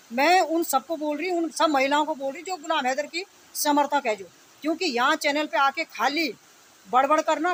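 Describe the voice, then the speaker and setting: A low-quality recording captures a high-pitched woman, an online video commentator, who rants without a script. Indignant, she scolds and challenges her opponents, leaning on repeated phrases and rhetorical questions, over steady background noise.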